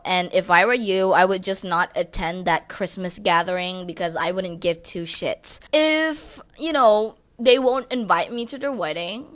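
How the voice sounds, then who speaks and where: A woman's voice: mid-range voice, fairly bright tone, dry recording. A woman reading online advice posts aloud and giving blunt opinions, swearing casually. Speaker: reddit story commentator.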